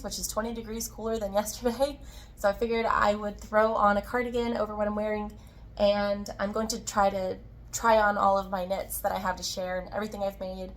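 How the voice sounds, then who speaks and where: A woman who hosts a podcast, dyes yarn and runs a shop chats in a friendly way on a casual crafting vlog. Her mid-pitched voice is a little hoarse and worn, sounding tired as she recovers from an illness.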